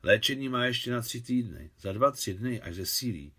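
A man voicing a brisk, commanding woman, a general's wife, who speaks in a loud, commanding tone. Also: medium pitch, expressive, breathy edge. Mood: reassuring.

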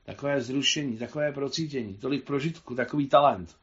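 A man's voice: mid-range voice, muffled recording, voice pushed up, close to an everyday voice. Man reading as a gushing French governess. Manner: gushing, exclamatory. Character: effusive older French governess woman.

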